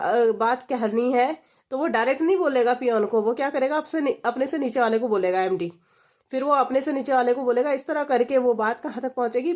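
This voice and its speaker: A high, slightly mellow female voice belongs to an exam-prep teacher lecturing her students. She walks through the material step by step, posing questions and answering them herself.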